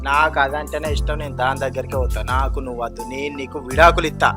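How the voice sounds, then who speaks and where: A man's voice: mid-range voice, fairly even intonation, fast, natural voice. An actor playing a harsh village husband who scolds and dismisses his wife. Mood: scolding. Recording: background music under dialogue.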